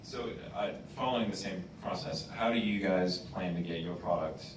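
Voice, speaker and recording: A man's voice: deep voice, moderate pace. A man questioning contestants as a competition judge. He probes and rephrases his questions. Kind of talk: panel questions. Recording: roomy, distant, noisy hall.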